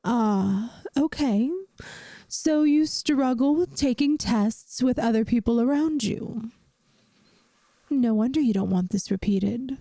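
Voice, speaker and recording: In an ASMR roleplay, a woman with a fairly high voice takes on the part of a centuries-old vampire who teaches math. She speaks slowly on a dry recording, sounding coaxing, gentle, wry and reassuring, soft and soothing like a teacher.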